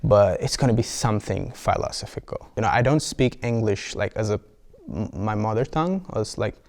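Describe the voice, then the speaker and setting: A young Brazilian vlogger, a native Portuguese speaker with a Brazilian Portuguese accent, talks casually to camera, rambling playfully and restarting often. His voice is fairly low, animated and a little mellow, at a normal speed.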